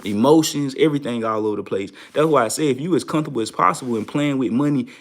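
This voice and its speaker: A man's voice: medium pitch, fast. A young man hosting a trading show, talking casually and repeating phrases for emphasis. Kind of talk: casual advice talk to viewers.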